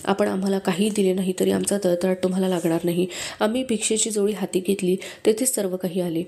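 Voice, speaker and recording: A woman voicing a calm, wise young boy who begs for alms, speaking gently and slowly. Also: mid-range voice, natural voice. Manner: slow, measured, gentle.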